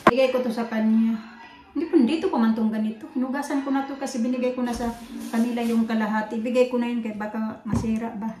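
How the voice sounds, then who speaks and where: Filipina mom chatting away at home on her phone, kinda high voice, roomy echo and noisy background. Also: steady tone, fast talker. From Philippines. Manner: switches between English and Tagalog mid-sentence, chatty. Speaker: vlogger, mother. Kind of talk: casual home vlog chat. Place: home in the UK, kitchen and living room. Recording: echoey room with background noise.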